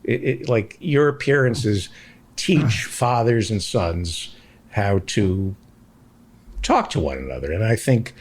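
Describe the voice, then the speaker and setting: Animated rambling male host. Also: lowish voice, slow. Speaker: podcast host. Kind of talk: casual chat.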